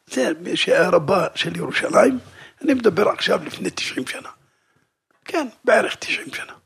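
A man preaching a religious story in an animated way, acting out the dialogue and dropping now and then into a whisper. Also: sits high, vocal fry, breathy edge. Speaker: preacher telling a religious tale. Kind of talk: storytelling sermon.

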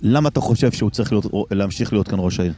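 A man's voice: on the low side, warm tone, faint music behind. A man hosting a live radio broadcast from a car, chatty and teasing as he prods his guest. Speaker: radio host reporting live. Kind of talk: casual live street broadcast. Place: in a car driving through city streets.

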